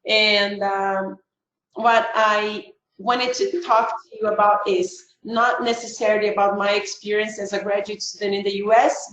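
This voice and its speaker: A woman's voice: a little high, echoey room, poor audio. A middle-aged Brazilian woman, a native Portuguese speaker with a Brazilian accent, giving a chatty online talk as an education advisor over a video call, with many fillers and restarts.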